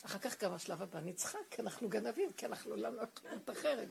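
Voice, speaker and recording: A woman's voice: medium pitch, lively intonation, vocal fry. A woman giving a spiritual talk, telling stories of a rabbi and emphatically appealing to her listeners, recorded in an echoey room with noise behind her.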